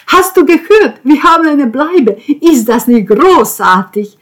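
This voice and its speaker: A woman reading aloud, voicing an excited middle-aged male TV producer and doting father who gushes loudly and breathlessly. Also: mid-range voice, a little slow. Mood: overjoyed.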